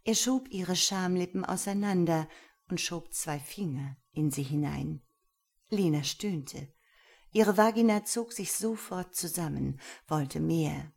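A woman reading an audiobook in a slow, measured, hushed manner. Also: deep voice, vocal fry, husky. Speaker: narrator. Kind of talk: audiobook narration.

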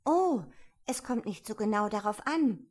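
A woman doing a timid, higher-pitched little girl. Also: animated, measured pace. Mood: anxious. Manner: higher, eager, slightly tearful. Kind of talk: audiobook character voice.

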